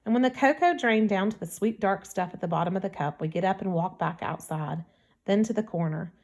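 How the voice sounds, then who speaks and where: Female audiobook narrator, first-person story, steady storytelling delivery. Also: mid-range voice, a little fast.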